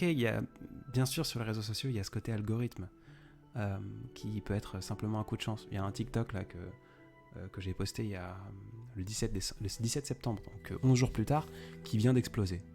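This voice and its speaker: A young man hosting a live stream, chatting casually and rambling as he answers viewers by name. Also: on the low side. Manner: rambling, improvised, talks straight to viewers by name. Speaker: poet and live-stream host.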